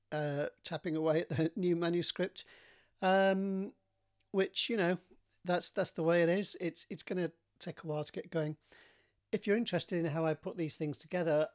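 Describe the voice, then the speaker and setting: A man, an author chatting casually about his writing with many pauses and restarts. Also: a little high. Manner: rambling, many fillers and restarts. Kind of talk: casual chat to camera.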